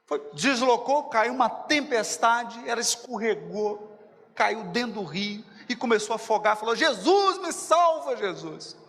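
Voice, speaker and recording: A man with a Mineiro Brazilian accent giving a spiritual lecture, animated and acting out little dialogues as he talks to his audience. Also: sits high, moderate pace, in a large hall. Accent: Mineiro Brazilian Portuguese. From Minas Gerais, Brazil. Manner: animated, acts out dialogues, addresses the audience directly.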